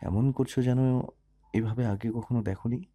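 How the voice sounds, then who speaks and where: A man voicing a calm, caring young husband in an audio love story, speaking gently and steadily. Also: mid-range voice, normal speed, no echo, highs cut off, close to an everyday voice. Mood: tender.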